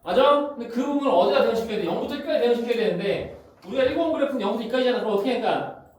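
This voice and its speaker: High-voiced male math teacher in echoey classroom. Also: expressive, a little mellow. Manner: constantly checks students' understanding, brisk and informal. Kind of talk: classroom lecture. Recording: very echoey room, far from the mic, faint noise.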